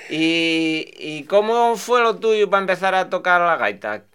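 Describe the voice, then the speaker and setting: A man's voice: high voice, lively intonation, slow, fairly bright tone, clear, resonant tone. A man interviewing an old man, asking short prompting questions about his life. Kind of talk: oral-history interview.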